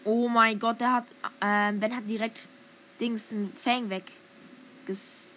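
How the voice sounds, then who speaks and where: A young woman streaming a mobile game, commenting live on the play and bursting into shouts and laughter at close moments. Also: on the high side, steady tone, measured pace, slight background noise. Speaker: gaming streamer. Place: home room with vacuum cleaner in background.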